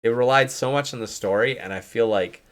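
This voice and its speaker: A man's voice: mid-range voice, fairly quick. A man hosting a casual game review chat, rambling with lots of "like" and restarts. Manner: rambling, heavy use of "like"; talks through restarts and hedges. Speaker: streamer and host.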